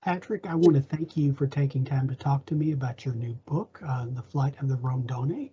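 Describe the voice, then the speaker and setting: A man hosting an interview, asking polite, brief questions in a husky voice. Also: mid-range voice, normal speed, mellow, lo-fi sound, slight background noise. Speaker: library director, interviewer. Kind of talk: interview host.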